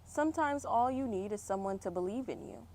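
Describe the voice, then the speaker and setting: Outdoors on a fall day, a woman reads a children's picture book aloud, adding chatty, encouraging asides for young viewers. Her mid-range voice is expressive, brisk and a bit dark in tone. Outdoor background noise and passing vehicles can be heard.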